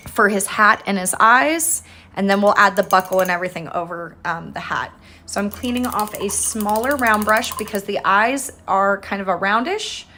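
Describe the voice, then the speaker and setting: A woman's voice: medium pitch, pushed and bright. A woman giving a casual, step-by-step painting tutorial as the instructor, chatty and informal, with an encouraging way of talking.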